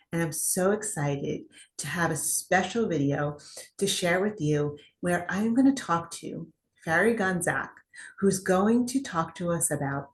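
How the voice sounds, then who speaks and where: Woman host, low voice, upbeat and persuasive, on a video call. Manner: upbeat, persuasive, rhetorical questions. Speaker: interview host. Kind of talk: casual interview.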